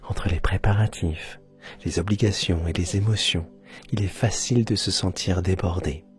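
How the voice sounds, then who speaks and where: A man guiding a sleep hypnosis session in a soft, soothing delivery, close in the listener's ear, at times trailing into a breathy near-whisper. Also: low voice, fairly even intonation, moderate pace. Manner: close binaural voice, right in the ear. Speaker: host of a relaxation and hypnosis channel. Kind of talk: guided sleep hypnosis narration. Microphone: close binaural microphone. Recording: close binaural recording with soft music. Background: soft background music.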